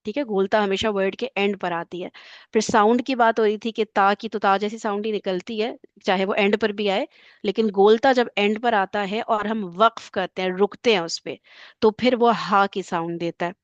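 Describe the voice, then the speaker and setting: A woman's voice: mid-range voice, steady tone, no room sound. A woman teacher patiently recapping a grammar class, often checking that students follow. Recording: dull lo-fi voice.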